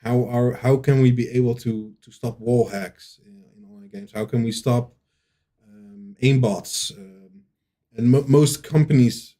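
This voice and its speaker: Hesitant lead developer man, dark voice. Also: mid-range voice, a little slow. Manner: hesitant, many fillers and restarts. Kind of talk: casual Q&A answers.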